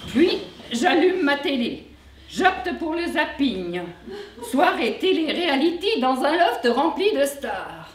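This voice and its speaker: Give me a woman doing a mocking comic routine, high-pitched, heard from far off. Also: very animated, slow pace, a little hiss or hum. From Vosges, France. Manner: blunt, folksy, mocking. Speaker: sketch performer. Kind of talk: comic stage monologue. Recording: echoey room from far off.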